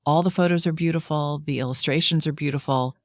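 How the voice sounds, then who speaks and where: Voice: mid-range voice, fairly even intonation, fast talker, no room sound, clean studio sound. A podcast host interviewing a guest, asking questions in an admiring tone. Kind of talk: conversational interview.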